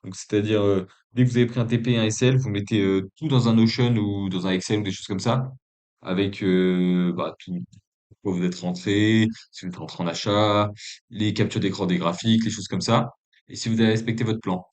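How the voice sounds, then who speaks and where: A man's voice: lowish voice, steady tone, fairly quick, a little mellow. A man giving a casual trading lesson. He speaks in an informal, hesitant way with many fillers, and he has a non-native French accent. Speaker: trading coach.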